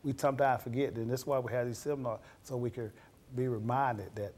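A man's voice: medium pitch, fairly even intonation, fairly quick, darkish tone. A middle-aged man, a police officer guest on a TV studio interview, speaking on a lapel mic in an earnest, folksy, plain-spoken way. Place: TV studio set.

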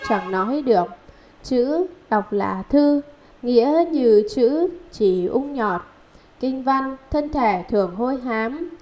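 Woman, slightly high voice, steady scripted reading of a scripture commentary, point by point. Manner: measured, steady recitation with enumerated points. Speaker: reader of a Buddhist commentary.

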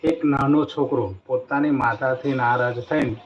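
An earnest man gives a spiritual motivational talk, retelling a story and leaning on repeated phrases. His voice sits at a middle pitch. The recording is dull and lo-fi, with a faint hiss underneath. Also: fairly even intonation, normal speed. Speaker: motivational speaker.

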